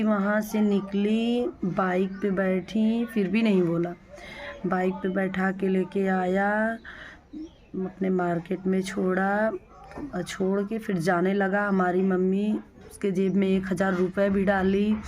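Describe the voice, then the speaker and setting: A woman's voice: medium pitch, flat delivery, unhurried, darkish tone. A young adult woman casually telling her viewers a personal family story, in a plain, repetitive way with many restarts. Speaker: vlogger.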